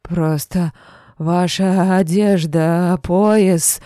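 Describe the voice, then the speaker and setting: A woman's voice: fairly low pitch, steady tone, normal speed, dark tone, no room sound, studio quality, lightly acted. A woman voicing a drunk, brutish man who leers and then stammers and begs in terror in an audiobook. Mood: terrified. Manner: stammering, pleading.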